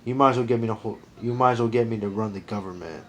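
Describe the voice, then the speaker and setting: A man's voice: fairly low pitch, very fast, a bit bright, low-quality recording. Earnest rambling man in his twenties. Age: 20s. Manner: rambling, earnest, restarts and counts aloud. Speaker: vlogger. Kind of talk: casual monologue to camera.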